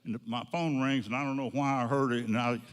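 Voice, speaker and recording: A man's voice: mid-range voice, steady tone, fairly quick, smooth. A man telling a long folksy anecdote to an audience, linking his lines with "he goes" and "I said.". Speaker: guest speaker. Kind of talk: anecdotal storytelling talk. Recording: long hall reverb.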